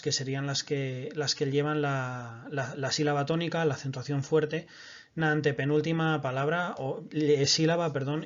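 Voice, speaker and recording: A man's voice: fairly high pitch, a bit bright, muffled recording. Patient male language teacher. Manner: patient explaining, frequent checks with "de acuerdo". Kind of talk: recorded online language lesson.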